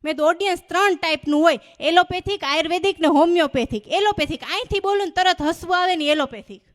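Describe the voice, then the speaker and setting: A woman's voice: very high voice, fast. A woman, telling stand-up comedy stories on stage and acting out the dialogue in them. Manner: animated storyteller acting out dialogue. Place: stage before a live audience.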